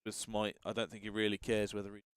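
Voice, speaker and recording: A man with a smooth, clear voice hosts a tabletop gaming livestream in a dry-sounding space. He comments casually and haltingly, thinking out loud as he goes. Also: lowish voice, completely flat delivery, no echo.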